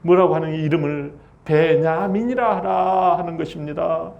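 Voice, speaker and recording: A man's voice: on the high side, normal speed, gravelly, darkish tone, muffled recording. A middle-aged man preaching a sermon as pastor, emphatic, acting out the people in his story with rising, wailing voices.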